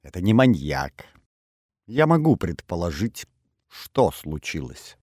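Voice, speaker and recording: No-nonsense young woman, curt and sober, read by a deep-voiced man, dry booth sound. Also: very animated, takes it slowly, darkish tone, dry recording, heavily acted. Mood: grim, blunt. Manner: curt, matter-of-fact. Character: young woman, blunt and level-headed.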